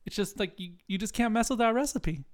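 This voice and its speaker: Smooth-voiced young man in casual chat. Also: brisk. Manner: joking, animated storyteller who puts on a squeaky kid voice.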